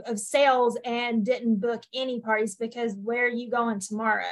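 A woman's voice: high-pitched, low-quality recording. A young woman on a panel over a video call, speaking directly and with emphasis. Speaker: panelist consultant. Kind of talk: casual panel talk. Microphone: video call webcam.

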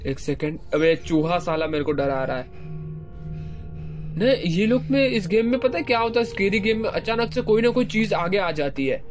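A young man giving casual, excitable commentary while playing a horror game, swearing playfully and yelping high when scared. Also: moderate pace. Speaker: gaming YouTuber. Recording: game music loud behind voice. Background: horror game music.

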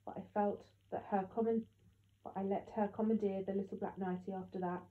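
A woman narrating an audiobook in the first person with steady storytelling. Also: mid-range voice, brisk. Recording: echoey tinny phone-like sound.

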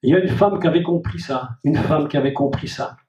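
A man's voice: fairly high pitch, a little fast, dark tone. Pastor guy preaching a sermon, keeps repeating himself, talks right to the crowd, sounds far off in an echoey church. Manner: repeats key phrases and speaks directly to the congregation. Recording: dull, echoey hall recording from a distant mic.

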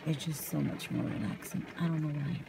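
Soft-spoken young woman, ASMR chat. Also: low-pitched, fairly even intonation, fairly quick, gravelly, background noise. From California. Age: young adult. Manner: softly spoken, rambling and casual while brushing her hair. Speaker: vlogger. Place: parked car at night, rain outside. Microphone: camera close up.

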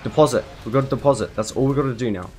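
Talking very fast in a medium-pitched, darkish voice, a gaming video creator gives live commentary on his play against soft background music. He's frantic and anxious, repeating himself again and again.

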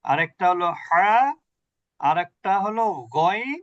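A man's voice: high voice, expressive, slow, fairly bright tone, no echo, muffled recording. A man teaching Quran recitation online, patiently repeating points and quizzing his students. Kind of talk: online tajweed lesson.

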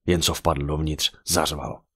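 A man narrating a dark fantasy audiobook with dramatic storytelling. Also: very deep voice, flat delivery, breathy edge, no room sound, studio quality.

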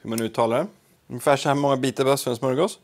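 A man's voice: medium pitch, steady tone, music in the background. A man hosting a casual home cooking video, talking to the camera while he cooks, with offhand, self-deprecating asides. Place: home kitchen.

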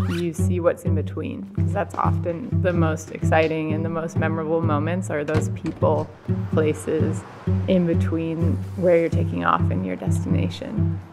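Young woman voiceover, kinda low and gravelly, laid back, guitar music loud behind. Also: a little slow. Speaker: photographer. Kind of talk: reflective voice-over narration.

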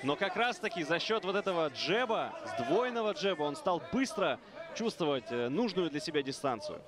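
A man's voice: fairly high pitch, very animated, moderate pace, a crowd in the background. A man co-commentating on a fight, giving analytical commentary.

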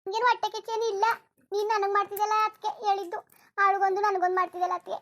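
Parvati, a shrill scolding village wife voiced by a woman. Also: little pitch movement, a bit bright. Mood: resentful scolding. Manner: scolding, resentful, rapid. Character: aggrieved village wife Parvati, sharp-tongued. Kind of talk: cartoon voice acting.

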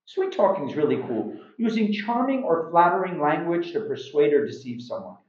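A fairly high-pitched middle-aged man from Iran, working as an English teacher and video host, delivers an informal slang lesson to camera at a moderate pace. His manner is animated and emphatic, full of acted-out examples, recorded in a small room at home with roomy, slightly dull sound.

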